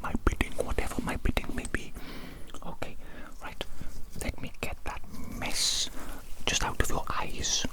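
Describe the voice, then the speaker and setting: In a breathy whisper at a measured pace, an ASMR performer plays a chaotic evil doctor, fussing dotingly and repeating words and phrases.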